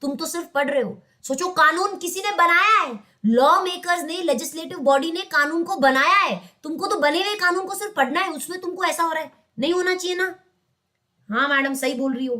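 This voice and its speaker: A woman's voice: very high voice, a little fast, sharp tone. A young Indian woman teaching law in an online class, mixing English terms into Hindi, quizzing her students and coaxing them as "beta".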